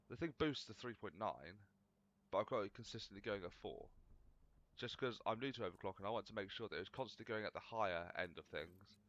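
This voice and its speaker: Rambling man, low voice. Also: fairly bright tone, lo-fi sound. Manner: chatty, swears casually, rambles. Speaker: gaming channel host. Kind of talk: rambling gameplay commentary.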